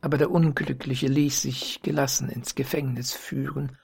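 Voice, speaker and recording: An audiobook narrator reading old literary prose in a measured, dramatic way. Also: mid-range voice, little pitch movement, vocal fry, a little mellow, husky.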